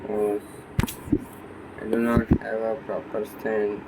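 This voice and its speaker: A man vlogging about his electronics project, thinking aloud in a halting way and often restarting sentences, sounding sleepy. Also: fairly low pitch, completely flat delivery, heavy background noise. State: sleepy, yawning. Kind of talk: thinking aloud while tinkering.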